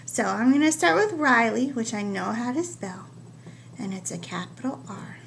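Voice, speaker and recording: A woman teaches young children to write, stretching each word into slow separate sounds. Her voice sits a little high. A faint hiss runs under the recording. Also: expressive, creaky. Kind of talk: home-recorded writing lesson for young children.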